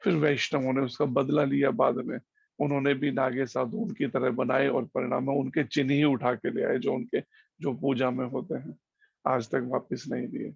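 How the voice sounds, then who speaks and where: A man giving a slow, explanatory devotional scripture class over an online call, using homely examples. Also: mid-range voice, flat delivery, gravelly, breathy edge, no echo, highs cut off. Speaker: preacher.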